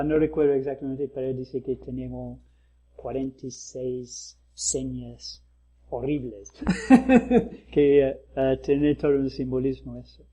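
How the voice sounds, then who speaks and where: A male Buddhist teacher giving a dharma talk in a measured, hesitant way, with frequent pauses. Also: medium pitch, mellow. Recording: slightly dull lo-fi talk recording.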